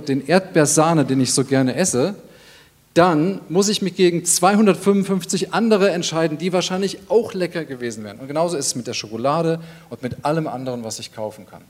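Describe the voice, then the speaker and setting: Earnest preacher man, slightly high voice. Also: darkish tone. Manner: earnest, emphatic, with deliberate pauses and rhetorical repetition. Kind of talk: sermon.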